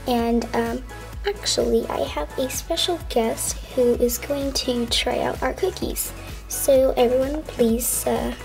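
High-voiced cheery pink lamb toy host, a woman doing the voice, chatty step by step, faint music behind. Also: vocal fry, low-quality recording. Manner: chatty, step-by-step instructions, soft asides. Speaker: cooking show host. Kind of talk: toy stop-motion cooking show voice-over.

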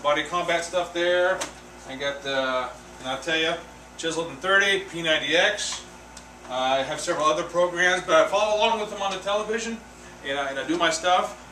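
A man's voice: a little high, bright, forceful tone, far from the mic, a little hiss or hum. Chatty man in an echoey basement. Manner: chatty, rambling, moves around the room while talking. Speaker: fitness vlogger. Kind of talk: casual home gym tour. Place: basement home gym. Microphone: camera mic from across the room.

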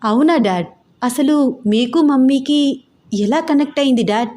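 A woman's voice: high voice, a little slow, warm tone, voice pushed up. A woman doing an eager teasing daughter. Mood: curious.

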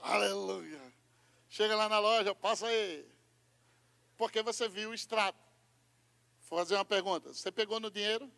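A Brazilian man preaching a sermon as pastor, moving from hushed asides to loud shouting. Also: high-pitched, moderate pace, gravelly, pauses often, long reverb tail. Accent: Brazilian Portuguese.

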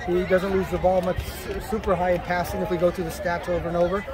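Coach, high-pitched man, casual halting answers, outdoor stadium crowd behind. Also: little pitch movement. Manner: casual, repeats words, many "you know" fillers. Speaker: soccer coach at a postgame press conference. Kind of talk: postgame press conference answers. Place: outdoors at a stadium after a match.

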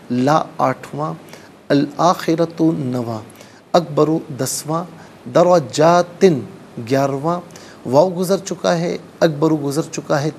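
Gravelly-voiced male Quran teacher. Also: on the high side, a little hiss or hum. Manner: slow melodic recitation between explanations. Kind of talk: recitation lesson.

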